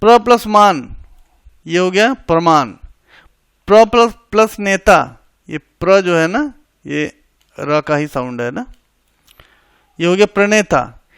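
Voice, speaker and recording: A man's voice: high-pitched, expressive, takes it slowly, creaky, long pauses, a bit bright, clear, resonant tone, no echo, clean studio sound. A man teaching a grammar lesson for exam preparation, explaining each rule step by step, repeating it and checking that students follow, with English words mixed in. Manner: mixes English words into Hindi.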